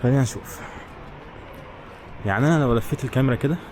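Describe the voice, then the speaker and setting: Here the Egyptian-accented vlogger races along in a mid-range voice with a darkish tone. He's outdoors in town, chatting informally to camera and talking straight to viewers while clear street and traffic noise fills the background.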